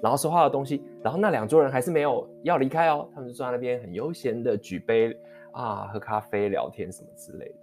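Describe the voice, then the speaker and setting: A man, telling a heated anecdote in a storytelling vlog, quick and rambling with many restarts. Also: mid-range voice. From Taiwan. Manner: animated, heated retelling of an anecdote. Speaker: vlogger. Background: faint guitar music.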